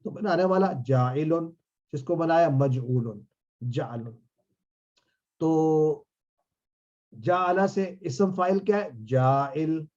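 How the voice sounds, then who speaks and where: Guy teaching a class, drills stuff slow, kinda high voice, muffled lo-fi sound. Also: darkish tone. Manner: drills phrases slowly, quizzes students. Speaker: Arabic teacher.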